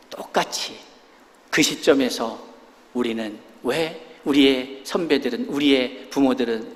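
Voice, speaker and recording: A man's voice: medium pitch, big-room sound. A man preaching a sermon as a pastor, talking in a conversational way with many rhetorical questions, in a church sanctuary.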